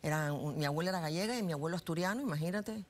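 A woman's voice: fairly low pitch, very fast. A Cuban-born woman in her sixties telling her life story as a guest in a TV studio interview, chatty and full of fillers and restarts, on a lapel mic. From Cuba. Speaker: guest, political analyst.

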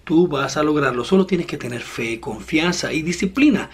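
A man giving an online guitar lesson, patient and encouraging, explaining each step slowly and talking straight to the student. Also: fairly high pitch, lively intonation, a little hiss or hum. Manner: slow, step-by-step instruction. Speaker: guitar teacher. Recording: loud guitar playing behind the voice.

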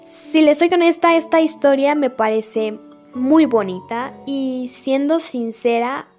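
A young woman casually and playfully recapping a game's story, chatty and expressive. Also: sits high, takes it slowly. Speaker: gaming video creator. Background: faint background music.

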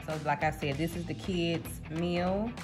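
A woman's voice: fairly low pitch, steady tone, a little slow. A young mother vlogging casually in her home kitchen, chatty and playful, poking fun at herself while she talks to the phone camera. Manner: chatty, playful, self-mocking. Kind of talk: casual cooking vlog chat. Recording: pop music playing under the voice. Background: background pop music.

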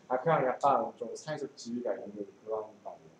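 Hesitant male student in an echoey room. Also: mid-range voice. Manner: hesitant, halting, full of pauses and restarts. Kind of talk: translating sentences aloud in a lesson. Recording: echoey room with clear background noise.

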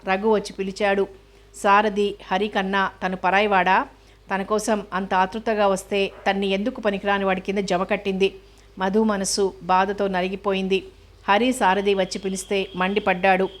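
Woman, audiobook narrator, steady even reading, mid pitch, little melody. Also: moderate pace. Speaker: novel narrator.

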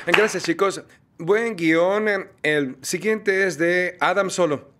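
A man in a comedy sketch dub, lively and indignant, with a faint rumble behind him. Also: drawn-out words. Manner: lively, indignant, jumps between put-on accents.

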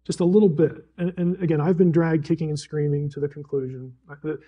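A man's voice: fairly high pitch, steady tone, a little fast, mellow, slightly rough, lo-fi sound. A man teaching the Bible at a fellowship gathering, telling stories animatedly with frequent restarts and chuckles. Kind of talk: live talk to a gathering.

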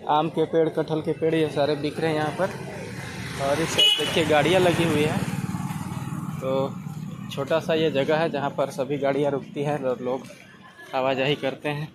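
This young man's voice is a little high with little pitch movement; he speaks at normal speed but leaves long pauses. Holding his phone outdoors amid street noise, he vlogs his walk through rural roads and a busy market, giving friendly, chatty tour-guide commentary to viewers.

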